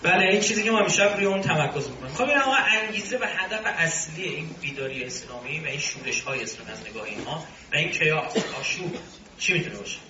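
A man's voice: a little high, lively intonation, crowd noise. A male religious commentator who gives an argumentative lecture, breaking off now and then into mocking asides. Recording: roomy, distant, dull sound.

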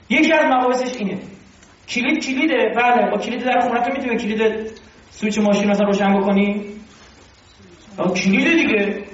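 A man with a high voice gives an animated, conversational religious lecture and keeps asking his listeners questions. He sounds far from the microphone in a very echoey hall. The recording is dull and muffled, with faint noise underneath. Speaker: religious teacher.

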